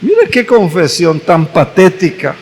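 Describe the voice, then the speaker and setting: Slow, emphatic high-voiced preacher. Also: male voice, very animated, slightly rough, long reverb tail, low-quality recording. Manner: slow, emphatic preaching that repeats phrases for note-taking. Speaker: pastor. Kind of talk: sermon. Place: church.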